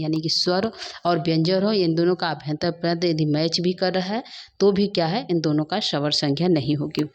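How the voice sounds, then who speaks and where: A woman with a fairly low voice teaches Sanskrit grammar in an online class. She explains each point step by step and keeps asking questions that she answers herself. Her carries through the lesson.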